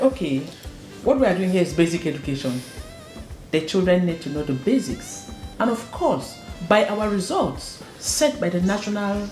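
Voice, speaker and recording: Here a woman from northwest Cameroon who runs a school speaks with earnest conviction in an interview, repeating words to stress her points. She has a mid-range, slightly mellow voice, and the room echoes, with faint music behind her.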